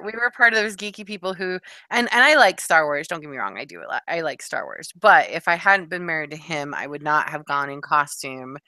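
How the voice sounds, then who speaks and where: A woman's voice: low-pitched, bright, forceful tone, no room sound. A middle-aged woman co-hosting a podcast, telling rambling stories with lots of asides in casual chat. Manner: rambling, chatty storytelling with many asides. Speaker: podcast co-host.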